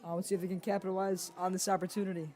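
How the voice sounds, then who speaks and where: A young man calling a high school football game, casual, leaning on stock phrases. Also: level tone, rapid-fire, darkish tone, faint music behind. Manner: casual, repeats stock phrases like "of course" and "indeed". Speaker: play-by-play commentator.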